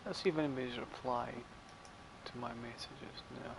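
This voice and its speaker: A man's voice: medium pitch, fairly even intonation, normal speed, vocal fry, noisy background. A man giving rambling, chatty live commentary on his game stream, with dry sarcastic asides.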